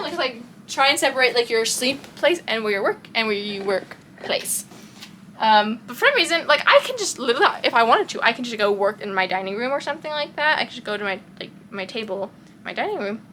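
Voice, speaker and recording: A young adult vlogger from Texas, with a light Texan accent and a high, fairly bright voice, rambles through casual chat in her bedroom, often losing her train of thought. The recording is rough, with slight background noise.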